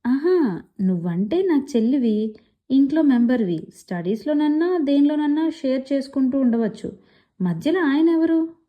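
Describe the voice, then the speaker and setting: A woman's voice: a little high, steady tone, quick pace, lightly acted. Pushy, curt teen boy, read by a woman narrator; lo-fi recording. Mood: wheedling. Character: brash, moody teenage boy.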